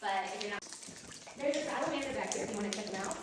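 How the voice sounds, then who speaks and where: A woman's voice: mid-range voice, animated, racing. A woman working as a cave tour guide, explaining things casually and jokingly to visitors inside an echoing cave. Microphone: visitor's camera, some distance away. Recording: echoey cave, distant voice, background noise.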